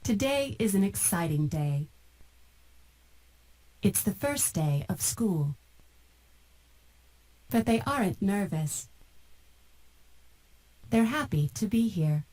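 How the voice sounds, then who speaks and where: A woman narrating a textbook listening exercise in an even, carefully enunciated reading. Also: medium pitch, slow pace, long pauses, low-quality recording. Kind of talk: scripted textbook audio narration.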